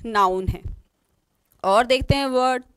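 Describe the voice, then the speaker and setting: A woman's voice: a little high, slow, clean tone, no room sound. A woman teaching an online exam-prep lesson, spelling words out letter by letter and asking questions she then answers herself. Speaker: English teacher.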